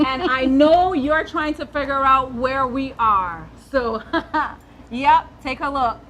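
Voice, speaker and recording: Bubbly high-voiced woman hosting a talk show. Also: slow pace, fairly bright tone, a little hiss or hum. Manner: bubbly, laughs often, enthusiastic.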